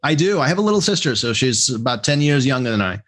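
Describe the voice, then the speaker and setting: Man from Russia, halting interview answers. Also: medium pitch. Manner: halting, restarts, animated bursts. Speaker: podcast guest, executive coach.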